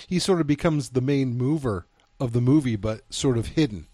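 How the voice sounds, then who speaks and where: A man co-hosting a casual film discussion, thinking aloud in a halting, hesitant way. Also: medium pitch, mellow, no echo. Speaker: podcast co-host.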